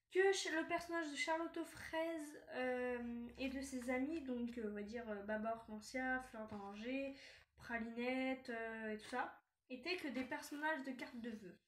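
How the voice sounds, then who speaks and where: A woman chatting casually through a review of a collectible doll magazine, hesitant with many fillers and restarts. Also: high voice. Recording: echoey room, faint noise.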